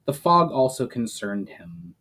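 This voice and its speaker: This man hosts a story session as an author, reading his own fantasy writing aloud. His medium-pitched voice is sing-song, bright and forceful, moving a little slowly. He opens with an informal introduction before shifting into dramatic narration.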